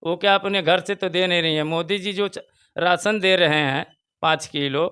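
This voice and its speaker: A man's voice: high voice, fairly even intonation, moderate pace, sharp tone, clear, resonant tone. A man with a Bhojpuri-tinged eastern Uttar Pradesh accent, a local party booth president giving his earnest views in an interview and repeating his points. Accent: Bhojpuri-tinged Hindi of eastern Uttar Pradesh. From Chandauli, Uttar Pradesh. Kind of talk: casual political opinion interview.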